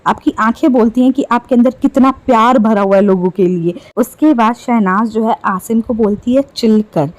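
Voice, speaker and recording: A woman's voice: fairly high pitch, moderate pace, hardly any pauses, low-quality recording. A woman giving casual, sarcastic gossip commentary on reality show clips, taunting the people she talks about.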